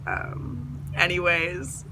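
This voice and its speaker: Bright rambling young woman storyteller. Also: lowish voice, very slow, creaky, a little hiss or hum. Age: young adult. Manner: rambling, filler-heavy, animated quoting of others. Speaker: vlogger. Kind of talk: casual storytime.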